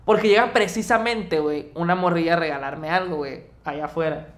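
A man's voice: fairly high pitch, brisk, a bit bright. A young man with a Mexican Spanish accent, co-hosting a podcast and telling a story in casual, slangy chat, acting out the quotes. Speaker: podcast co-host.

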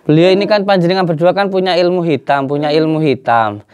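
A man, a spiritual healer calming a distressed person with repeated soothing pleas and murmured prayers. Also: fairly high pitch, a little fast, crowd noise. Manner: repetitive, soothing, pleading for calm. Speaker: spiritual healer and channel host.

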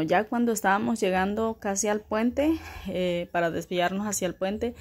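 A woman in her thirties chats casually with her viewers in a home vlog, treating them like friends. Her mid-range voice is a little mellow, and the clip was recorded on a phone in a small kitchen.

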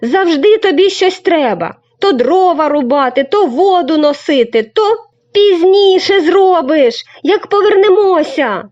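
A keen young village boy, quick to jump up and eager to go, played by a woman. His voice is pitched well above her narrating tone and full of excited calling out. The recording has a dull, lo-fi sound. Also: heavily acted.

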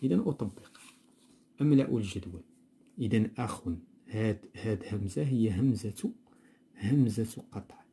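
A man with a Moroccan accent teaching a grammar lesson from a textbook, explaining slowly and repeating words. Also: fairly low pitch, expressive, vocal fry, warm tone, a little hiss or hum. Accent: Moroccan Arabic. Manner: explanatory, repeats words slowly, mixes dialect with standard Arabic.

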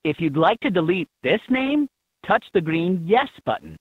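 A man plays an upbeat helper giving scripted instructions in a children's educational game, his high, husky voice very animated and heavily acted at a moderate pace. The dry recording sounds tinny and band-limited, like handheld game audio.

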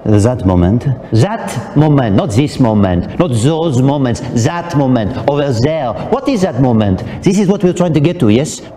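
A man's voice: medium pitch, very animated, mellow, a little hiss or hum, natural voice. A man playing a pompous foreign celebrity photographer with an affected accent, speaking grandly and theatrically. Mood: grandiose. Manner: theatrical, grandiose, drawn-out phrasing. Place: indoor photo studio.

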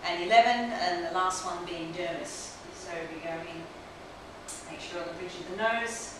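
A woman's voice: on the low side, measured pace. A woman in her forties, a trichologist, explains a technique step by step while working on a client in a small clinic room, recorded by a camera mic across the room. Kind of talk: hands-on instructional demonstration. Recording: roomy echo from a distant camera mic, clear background hiss.

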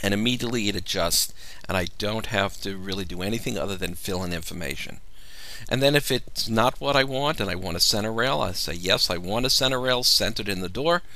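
A man giving a measured, step-by-step software tutorial as a voice-over. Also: lowish voice. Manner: measured, explanatory walkthrough. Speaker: software demonstrator. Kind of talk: screen-recorded software tutorial.

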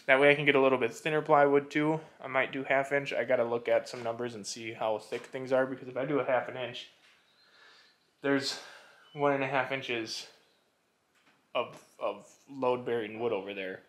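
A man's voice: medium pitch, fairly even intonation, moderate pace, fairly bright tone. A man vlogging a do-it-yourself barn renovation, talking to camera in a casual, unsure way and thinking aloud as he goes. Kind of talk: casual walkthrough talk to camera. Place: inside an old barn.

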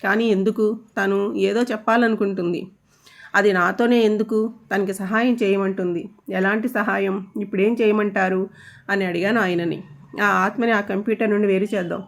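Brief: woman storyteller, steady suspenseful narration, middle pitch. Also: normal speed, vocal fry.

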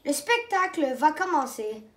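A woman doing a calm, explaining older boy. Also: high voice, a little slow, full character voice. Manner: explaining, reassuring. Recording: roomy echo.

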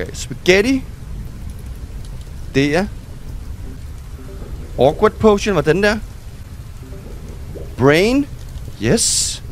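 A high-pitched man talks through a game with quick excitement. He reads the on-screen text aloud and sprinkles in English gaming words. Soft music plays faintly behind his desk-mic voice. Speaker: gaming YouTuber. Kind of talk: excited gameplay commentary.

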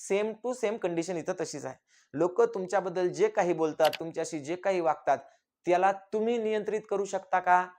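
A man's voice: high voice, normal speed, a little mellow, slight background noise. A man from rural Maharashtra giving a motivational talk, emphatic and full of repeated rhetorical questions he answers himself. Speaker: motivational speaker.

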